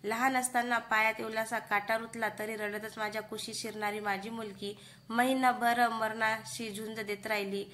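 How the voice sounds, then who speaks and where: Lady doing a sad calm mom, soft and steady, kinda high. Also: normal speed, few pauses, slight background noise, close to an everyday voice. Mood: grieving. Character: grieving middle-aged mother, quiet and dignified.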